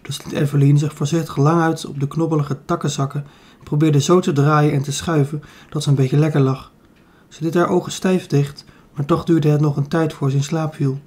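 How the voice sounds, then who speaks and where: A man narrating a children's audiobook in a calm, even storytelling manner. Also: a little high, a little fast, breathy edge.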